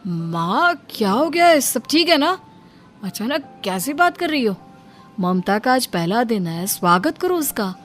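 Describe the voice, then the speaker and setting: A woman's voice: fairly high pitch, big pitch swings, measured pace, fairly bright tone, soft background music. Cartoon son, patient and reasoning, woman voicing. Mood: puzzled. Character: dutiful working son around thirty. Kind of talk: cartoon voice acting.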